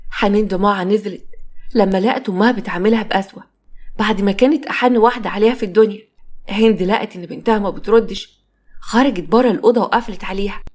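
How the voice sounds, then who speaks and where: A woman storyteller with an Egyptian accent reads a serialized drama at a quick clip. Her pitch sits in an ordinary middle range. Her delivery is brisk and even. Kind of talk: scripted story narration.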